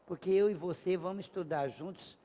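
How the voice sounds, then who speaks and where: This high-voiced man speaks a little quickly with a warm tone while lecturing a class at a spiritist center. Emphatic and rhetorical, he plays out brief dialogues to illustrate his ideas, and the lecture hall of the spiritist association gives the audio a long reverb.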